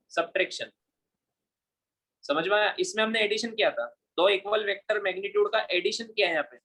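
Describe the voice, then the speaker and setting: A man's voice: high voice, bright, forceful tone. A male physics teacher lecturing a class, often checking whether the students have understood and mixing English terms into his speech. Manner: keeps checking students follow, asking "understood?".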